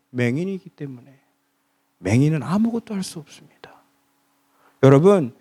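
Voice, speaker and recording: A young man delivers a sermon in a high, bright voice that leaps up and down in pitch. He is dramatic and impassioned, acting out cries and shouts, then falling suddenly quiet. The delivery is lively and theatrical. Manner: dramatic, acts out quoted cries with sudden loud high shouts and hushed drops. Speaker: junior pastor.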